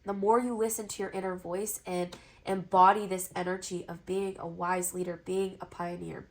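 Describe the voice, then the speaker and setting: A woman with a blocked, stuffy nose gives a pick-a-card tarot reading to the camera, speaking softly and encouragingly in flowing lists with repeated phrases. Her voice sits fairly low, and the audio quality is poor.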